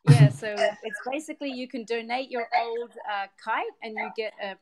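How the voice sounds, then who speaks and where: A woman's voice: on the high side, normal speed, darkish tone. A woman, explaining her social business earnestly and fluently over a live video call. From Switzerland, raised in Papua New Guinea. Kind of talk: interview answers on a live stream.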